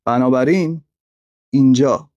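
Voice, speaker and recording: A man's voice: mid-range voice, a little mellow, no echo, lo-fi sound. A man teaching a literature lesson over slides, methodically breaking words into syllables.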